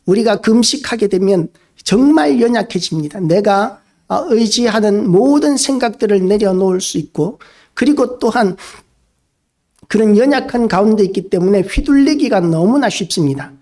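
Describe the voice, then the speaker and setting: The man's high voice carries his sermon at a moderate pace; as a pastor he stays earnest and steady, asking the congregation rhetorical questions.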